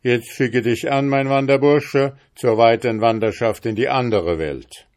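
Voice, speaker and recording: A man voicing a brutal, murderous male innkeeper in a read-aloud fairy tale, loud and menacing. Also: a little slow, natural voice. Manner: menacing, loud, raised pitch.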